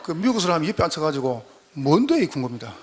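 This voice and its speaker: A man's voice: a little high, sing-song, fast talker, slight background noise. A man with a Gyeongsang accent, a pastor giving a folksy, joking lecture at a training session. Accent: Gyeongsang dialect.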